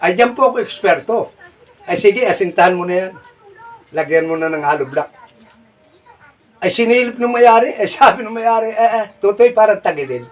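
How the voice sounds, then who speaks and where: A man telling jokes in a folksy, rambling way, laughing at his own punchlines and shouting them out. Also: high-pitched, expressive, normal speed, long pauses. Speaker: comedy joke teller. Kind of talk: casual joke telling. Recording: distant mic with faint noise.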